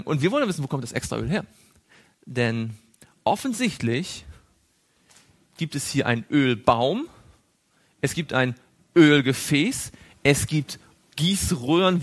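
A man's voice: fairly high pitch, a bit bright. A man teaching a Bible study to a group, drawing on a board as he goes, asking questions and chuckling now and then. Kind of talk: interactive Bible study lesson.

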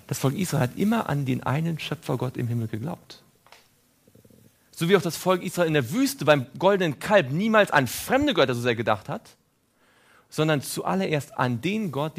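A male preacher giving a sermon who puts questions to his listeners and answers them himself, swinging from loud cries to low, quiet passages. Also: animated, normal speed, creaky, slightly rough.

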